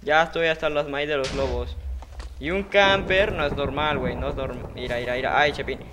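Excitable Mexican man commenting gameplay. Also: fairly high pitch, brisk, noisy background. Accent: Mexican Spanish. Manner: excitable, with sudden shouted outbursts and slang.

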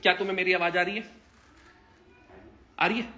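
Man, high pitched, forceful and tense, commanding, swears constantly, recorded indoors on a phone. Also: steady tone, brisk, slight background noise. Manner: aggressive, commanding, heavy swearing. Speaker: vlogger livestreaming a confrontation. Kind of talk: live-streamed confrontation. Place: indoors in a locked house.

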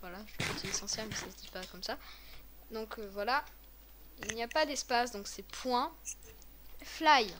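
A woman's voice: on the high side, lively intonation, moderate pace, long pauses, background noise. A woman hosting a casual game tutorial with a friend, talking in a chatty, hesitant way with many fillers and restarts. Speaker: host of a game tutorial video.

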